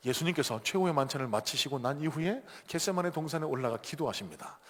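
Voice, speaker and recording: Animated Korean pastor preaching in a hall. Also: male voice, fairly high pitch, fast. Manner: animated storytelling, rising to emphatic peaks. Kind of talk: sermon. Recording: echoey church hall.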